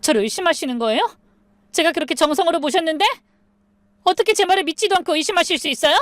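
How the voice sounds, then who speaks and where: A woman's voice: lively intonation, normal speed, no room sound, natural voice. A woman voicing a young daughter-in-law who pleads and sobs defensively. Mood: hysterical. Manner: pleading, rising to shrill sobbing.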